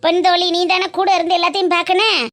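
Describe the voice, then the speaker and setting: A woman's voice: very high voice, flat delivery, quick pace, fairly bright tone. A woman voicing a bossy old village grandmother who scolds and gives orders in a cartoon. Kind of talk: cartoon voice acting.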